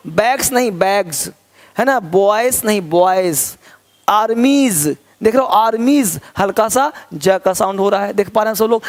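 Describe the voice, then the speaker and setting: A man teaching English pronunciation as a lesson, repeating words and contrasting right and wrong sounds while checking his students follow. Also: high-pitched. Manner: addresses students directly and checks they follow. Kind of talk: spoken classroom lesson.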